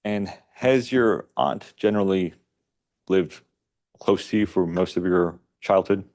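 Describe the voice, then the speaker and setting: Deep-voiced man questioning a witness. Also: a little mellow. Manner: measured, polite questioning. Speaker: attorney. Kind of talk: courtroom questioning.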